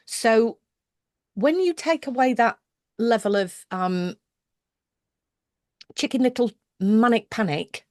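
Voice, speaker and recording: A woman's voice: a little high, animated, takes it slowly, long pauses, darkish tone, dry recording, studio quality. A British woman hosting a conversational interview, thinking aloud with restarts and asides. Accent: British English. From United Kingdom. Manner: thoughtful, circling back with restarts and asides. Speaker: podcast host.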